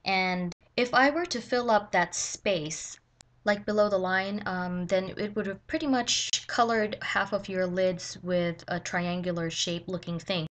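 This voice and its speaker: A woman narrating her makeup looks in a casual voice-over, relaxed and hesitant with frequent ums. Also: medium pitch, unhurried. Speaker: makeup vlogger.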